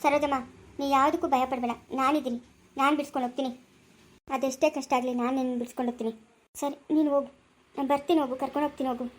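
An argumentative young lawyer, played by a woman, in a family skit drama. She fires off pointed questions at speed in a high voice. Her manner is insistent and confident. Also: fairly even intonation, very fast, lightly acted. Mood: reassuring.

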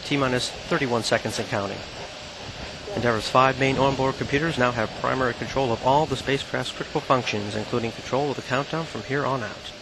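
A man's voice: mid-range voice, brisk. A man formally announcing a live rocket launch countdown. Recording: very noisy outdoor launch broadcast.

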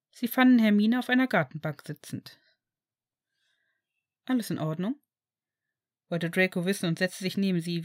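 A woman narrating a fan fiction audiobook in a calm, even storytelling manner. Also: medium pitch, dry recording, studio quality.

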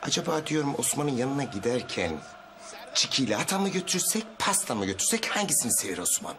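An actor playing a pompous, short-fused middle-aged office manager with a regional accent who shouts insults, in a TV sitcom. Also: male voice, mid-range voice, very animated, a little fast, over music. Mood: coy. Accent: regional Turkish accent. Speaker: sitcom character. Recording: TV sitcom audio with laugh track and noise. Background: studio audience laughter.

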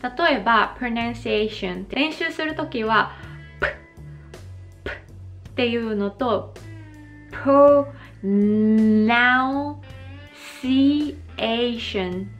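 A Japanese woman in her thirties giving a slow, careful pronunciation lesson, exaggerating her mouth shapes when she demonstrates sounds. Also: on the high side, expressive, gravelly, fairly bright tone, faint music behind. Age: 30s. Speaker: English pronunciation teacher. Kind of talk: slow explanatory vlog lesson.

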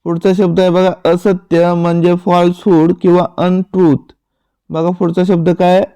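A man teaching vocabulary in a slow, repetitive drill, saying each word, asking its meaning, then answering it himself. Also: high-pitched, flat delivery, warm tone, smooth, no echo.

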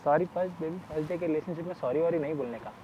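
High-voiced young man, pushy mock romance. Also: rapid-fire, lo-fi sound. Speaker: prankster. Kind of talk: hidden-camera prank banter. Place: outdoors in the rain. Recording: noisy outdoor street recording.

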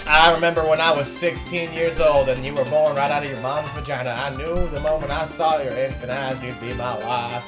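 A man voicing a gruff, crude old cowboy farmer who barks orders in a low drawl. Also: fairly even intonation, fairly quick, hardly any pauses, music in the background, lightly acted. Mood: low creepy.

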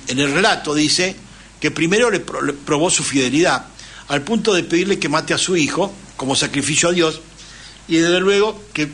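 A man's voice: fairly high pitch, a bit bright, slight background noise. A man with an Argentine accent, hosting a radio talk show and lecturing at length, often checking in with his listeners. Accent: Argentine Spanish. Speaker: radio host.

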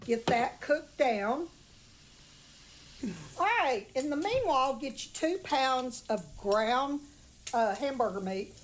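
A high-pitched woman with a Southern US accent walks through a recipe in a folksy, chatty manner. It sounds like a homemade kitchen video, with faint noise behind her. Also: animated, slow pace, long pauses. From southern United States. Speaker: home cook presenting recipes. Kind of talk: casual cooking tutorial. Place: home kitchen, indoors.

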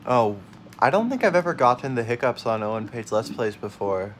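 A man's voice: medium pitch, brisk, a little hiss or hum. A young man casually commenting on a video game as host, laughing and yelping at his own mishaps. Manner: excitable, yelps and laughs at mishaps. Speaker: let's play host.

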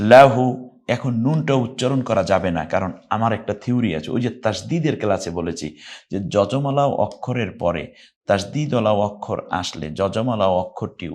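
A man teaches Quran recitation in a recorded lesson, explaining Arabic letters and pronunciation rules. His voice sits on the low side, and he patiently spells out syllables letter by letter, repeating them and slipping into long, drawn-out chanted words between explanations.

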